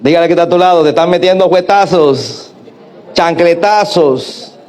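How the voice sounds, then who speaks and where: Lively high-voiced pastor preaching. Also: male voice, moderate pace. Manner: animated preaching with acted-out quotes and call-and-response. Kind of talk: sermon.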